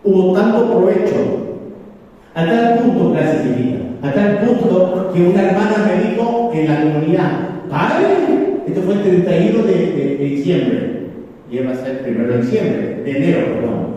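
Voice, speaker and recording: A priest preaches an earnest sermon to a retreat, weighting his words with slow, emphatic pauses. His voice sits a little high yet sounds very dark and mellow. He is heard from a distance in a large hall, with long, roomy reverb. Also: animated, dull audio. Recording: echoey hall from far off.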